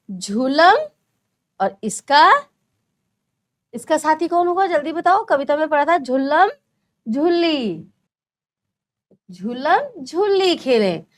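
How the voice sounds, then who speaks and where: A woman teaching a first-grade language lesson, drawing out single words slowly in a sing-song way for young children. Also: high voice. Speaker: primary school teacher.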